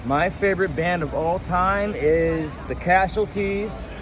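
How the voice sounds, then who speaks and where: A high-voiced man talks slowly as an interviewee, a music fan at a show, with a crowd audible behind him. The casual chat takes place on a noisy city street with traffic. He hesitates and often repeats the question before responding.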